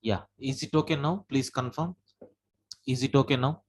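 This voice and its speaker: This programming instructor, speaking into his own mic at a computer for an online class, walks through the material step by step and constantly calls listeners "sir." His voice is mid-range, husky, and at a normal speed.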